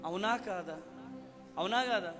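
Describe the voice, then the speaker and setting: High-voiced fiery pastor. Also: male voice, measured pace, fairly bright tone. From Telangana, India. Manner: exhorting, demands "amen" and clapping from the crowd. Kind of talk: fiery revival sermon with call-and-response. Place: large hall at a revival meeting. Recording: echoey hall with music behind.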